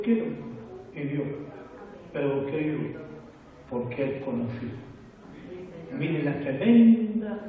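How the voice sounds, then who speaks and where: A man teaching a Sunday Bible lesson, questioning the congregation and building to emphatic outbursts, in a church hall. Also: fairly high pitch. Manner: asks the congregation questions, rising to emphatic shouts. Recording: echoey church hall, distant mic.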